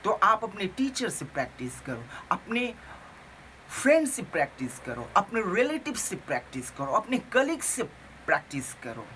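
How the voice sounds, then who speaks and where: An English teacher who runs a tutoring organization gives an earnest video lesson with tips, speaking at a moderate pace in a medium-pitched, very animated, slightly bright voice. She repeats her points and corrects herself as she goes, and the low-quality recording has a little hiss or hum.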